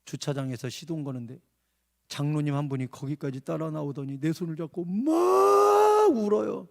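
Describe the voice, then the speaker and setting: A man preaching a revival sermon in a church, his voice pitched high and gravelly. He drops to quiet storytelling, then erupts into shouts. Every phrase climbs and falls over a wide range. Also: very animated, normal speed. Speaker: pastor. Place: church sanctuary.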